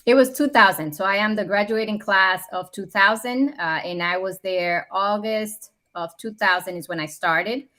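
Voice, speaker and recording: A woman in her forties, born in the Dominican Republic and raised in New York City, tells her story as a guest on a podcast, earnest and upbeat in a conversational interview. Her mid-range voice is bright and forceful, moving at a moderate pace with hardly any pauses.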